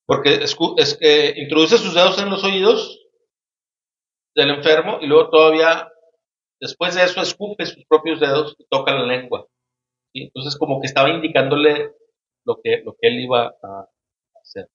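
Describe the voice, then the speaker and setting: A man's voice: on the high side, fairly bright tone. Guy talking through a bible passage, stops and restarts a lot, kinda echoey dull recording. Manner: halting, many restarts, frequent tag questions. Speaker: Bible discussion host. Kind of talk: casual Bible study discussion. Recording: roomy, dull lo-fi sound.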